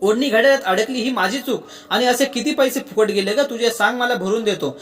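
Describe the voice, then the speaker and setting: Narrator voicing a quick-tempered young man, indignant and snappy, for a storybook recording. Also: mid-range voice, fairly bright tone, soft background music, close to an everyday voice. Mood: bickering. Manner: bickering, indignant.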